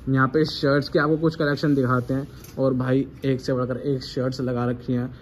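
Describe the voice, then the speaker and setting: A man's voice: mid-range voice, level tone, fairly quick. A man vlogging a clothing shop in an enthusiastic, salesman-like promotional style, repeating prices and catchphrases. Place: indoors in a small clothing shop. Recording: noisy shop ambience.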